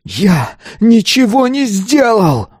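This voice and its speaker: A man voicing a desperate young male disciple who cries out in a high, broken voice. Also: big pitch swings, slow, mellow, husky, no echo, clean studio sound, full character voice.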